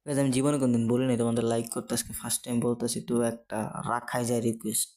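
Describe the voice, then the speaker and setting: A man's voice: medium pitch, little pitch movement, very fast, mellow. Chatty Bangladeshi gamer guy. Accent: Bangladeshi Bengali. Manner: chatty, rambling, mixes English phrases. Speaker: gaming YouTuber. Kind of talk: casual gameplay commentary.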